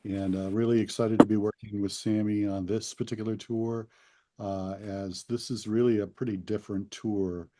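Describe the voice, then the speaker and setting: A man who runs a tour company introducing himself on a video call in a relaxed, rambling way with many fillers. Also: on the low side, normal speed, very noisy. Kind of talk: casual self-introduction.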